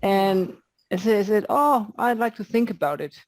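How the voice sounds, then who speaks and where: A woman joins an online session from home and tells a short story in a friendly way, with a few fillers. Her voice is mid-pitched. The audio is close and dry with no room sound. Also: expressive, normal speed, dry recording. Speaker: session participant. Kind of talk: casual story on a video call.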